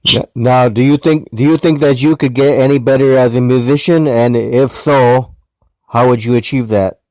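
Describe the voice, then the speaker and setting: A man's voice: mid-range voice, fairly even intonation, normal speed, darkish tone, no echo, poor audio. A man interviewing a metal musician in a casual way, sometimes repeating his questions.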